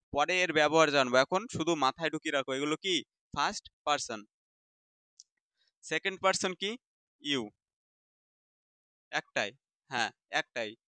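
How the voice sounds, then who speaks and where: A man's voice: on the high side, sharp tone, no room sound. A man teaching English grammar in Bengali, asking questions and answering them himself, repeating key terms. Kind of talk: classroom lesson in Bengali.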